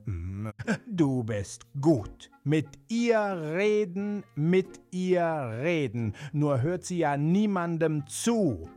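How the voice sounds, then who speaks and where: A man voicing a big bear, all sticky with honey, complaining in a high, whining voice. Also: sing-song, drawn-out words, hardly any pauses, mellow, soft background music, heavily acted. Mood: exasperated.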